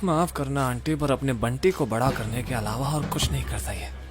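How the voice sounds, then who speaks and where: A man's voice: mid-range voice, normal speed, music in the background, natural voice. A man voicing a sly, scheming young man who swears and mutters asides in an audio drama. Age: young adult.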